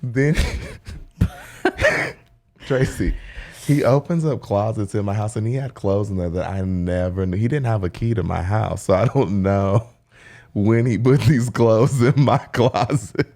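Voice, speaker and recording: A man with a deep voice that has a gravelly, rough edge. His tone is dark and mellow. He tells casual stories with lots of energy, acts out what other people said, and laughs often. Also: a little slow. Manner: animated storytelling, acting out quotes, laughing often. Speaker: hairstylist and podcast co-host. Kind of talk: casual chat.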